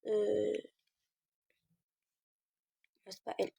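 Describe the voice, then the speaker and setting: Soft-voiced girl with many fillers. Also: medium pitch, monotone, very slow, creaky, slightly rough, dry recording. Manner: hesitant, many "euh" fillers, talks while searching. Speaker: game tutorial creator. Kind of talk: casual screen-recorded tutorial.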